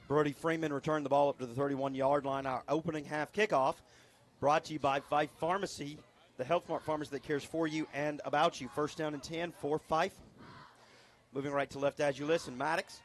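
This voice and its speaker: Man, radio play-by-play announcer, high school football, excitable, slightly high-pitched, faint crowd ambience. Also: a little hiss or hum. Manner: excitable, rising to shouts on big plays. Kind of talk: local radio sports commentary.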